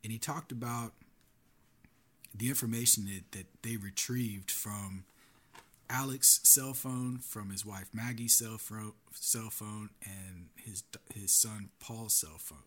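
Male solo podcast host, low and husky, earnest and cautionary delivery. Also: slow pace, fairly bright tone.

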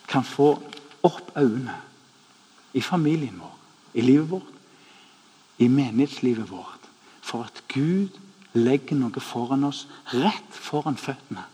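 A man preaching a sermon, telling stories animatedly, acting out the people in them, and dropping to a hushed voice at times. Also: mid-range voice, breathy edge. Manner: animated, acts out quoted voices, drops to hushed tones. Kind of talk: sermon with storytelling. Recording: echoey hall, long reverb.

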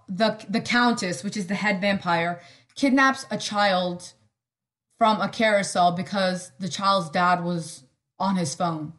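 A young woman talks through her solo podcast in loose, rambling chat. Her voice sits at a middle pitch, and she fills it with sarcastic quips, "like" and sudden side comments. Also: fairly bright tone. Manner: chatty and sarcastic, lots of "like" and quick asides. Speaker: podcast host.

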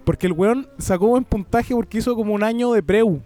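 Joking high-voiced Chilean podcast host. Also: male voice, brisk, mellow, soft background music. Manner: joking, laughs often, swears casually. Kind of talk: casual chat over a call.

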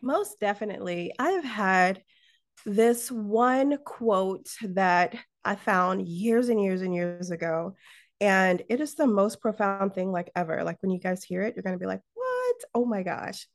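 A woman's voice: medium pitch, unhurried. A woman speaking as a guest on a casual podcast, talking emphatically and enthusiastically and leaning hard on her stressed words. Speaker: podcast guest, business owner.

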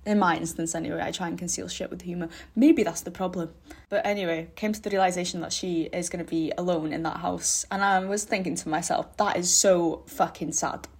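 Young woman, lowish voice, solo podcast host, rambly, candid, sweary, self-deprecating. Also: fairly even intonation, fast, a little mellow, slightly rough. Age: young adult. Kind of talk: casual solo podcast chat.

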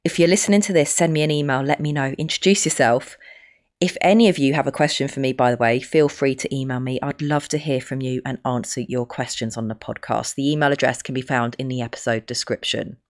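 Female podcast host, London accent, low-pitched, froggy croak from a heavy cold, conversational explainer delivery. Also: fairly even intonation, brisk. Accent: London English. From West London, England. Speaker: podcast host and spiritual medium.

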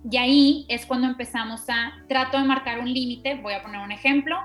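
A parenting podcast co-host talks through ideas in a casual explanatory chat, her voice slightly high and her pace brisk. She explains steadily, stacking one example on another, while soft music plays faintly beneath.

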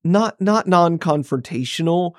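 A man's voice: high voice, expressive, a little slow, dry recording, clean studio sound. Wry storytelling pastor, man. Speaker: church podcast co-host, pastor. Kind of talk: casual conversation.

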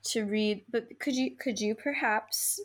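A woman's voice: fairly high pitch, measured pace. A woman co-hosting a casual chat, hesitant and full of fillers. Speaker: podcast co-host.

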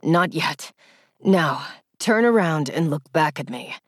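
Woman doing a dominant young man, low-pitched, hushed and bossy, audiobook figure. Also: animated, takes it slowly, no room sound, studio quality, heavily acted. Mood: husky, commanding. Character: young adult man, cocky dominant lover.

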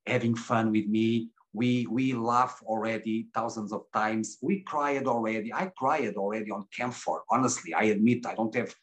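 A hesitant middle-aged man, appearing as a guest webcam broadcaster, gives candid interview answers in a fairly low voice at normal speed with few pauses. He stumbles, restarts and repeats words often, and the audio quality is poor.

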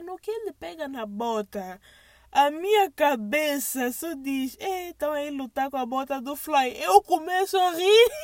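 Animated high-voiced young woman. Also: dry recording. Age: young adult. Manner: animated, mixes English phrases into Portuguese. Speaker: vlogger. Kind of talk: casual storytime monologue.

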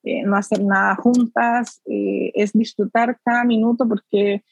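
A woman guest in an interview, a mother speaking earnestly and warmly with frequent filler sounds. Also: medium pitch, little pitch movement, measured pace, gravelly, poor audio. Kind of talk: conversational interview.

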